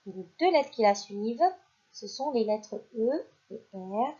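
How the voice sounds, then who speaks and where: A primary school teacher with a slightly high, warm and expressive voice guides young children through a phonics lesson. She talks slowly and clearly, encouraging and often praising pupils who can't be heard, and the recording sounds dull and lo-fi.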